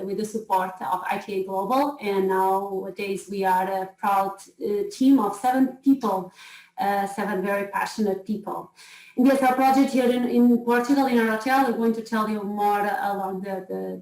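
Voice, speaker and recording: A woman's voice: medium pitch, darkish tone. A woman introducing herself on an online panel, hesitant with restarts and "uh" fillers, over a video call. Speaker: hotel founder and chapter leader. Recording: echoey room, distant from the mic.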